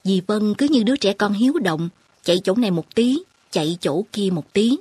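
A woman tells a story in a steady, unhurried reading voice. Her tone is a little husky, and the sound is close and dry. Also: mid-range voice, no echo. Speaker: narrator. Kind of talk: storytelling narration.

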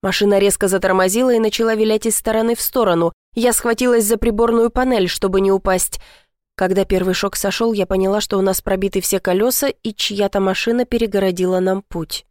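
A woman reads a tense first-person story with dramatic intensity. Her voice is mid-pitched and sounds dry and close, with no room around it. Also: fairly even intonation, brisk, darkish tone, no echo. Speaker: audiobook narrator.

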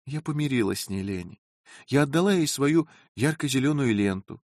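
A man's voice: mid-range voice, lively intonation, normal speed, no echo, clean studio sound, voice pushed up, lightly acted. A man voicing a fiery, imperious young wife. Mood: coaxing. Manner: sharp, imperious scolding.

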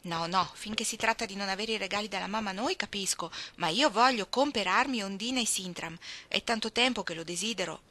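A woman's voice: medium pitch, a little fast, hardly any pauses, sharp tone. A woman reading as a blunt, tomboyish teenage girl who sounds exasperated.

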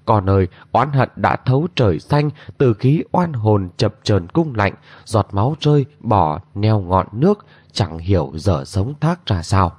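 A man voicing an aging noble lady who laments old guilt in long, drawn-out cries, on a dull lo-fi recording. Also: lowish voice, very animated, a little mellow, dry recording. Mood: sorrowful.

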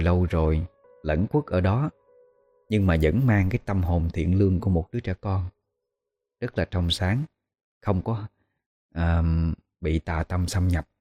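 A man with a Southern Vietnamese accent hosting a ghost story, speaking in a measured, hesitant way with fillers. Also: sits low, warm tone. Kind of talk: storytelling narration.

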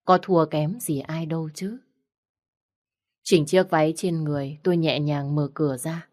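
A woman reading a first-person story aloud in a steady, reflective way. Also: low-pitched, unhurried. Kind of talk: first-person audiobook narration.

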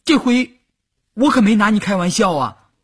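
A man's voice: sits high, lively intonation, normal speed, slightly rough, voice pushed up. A man voicing a teenage girl soldier who teases a friend and then pleads, in a raised voice for an audiobook. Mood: pleading. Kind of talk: audiobook character voice.

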